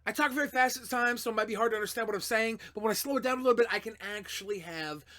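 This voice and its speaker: Racing along in a high-pitched voice, a young streamer fires off answers to chat questions casually and profanely, his volume bouncing between mumbles and loud outbursts.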